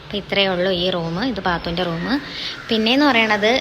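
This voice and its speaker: A young woman gives a chatty home-tour vlog, speaking at an average pitch and calling out to her viewers. The phone audio carries clear background noise. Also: brisk. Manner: chatty, keeps addressing viewers as guys. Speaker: vlogger giving a home tour. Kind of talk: casual home-tour narration.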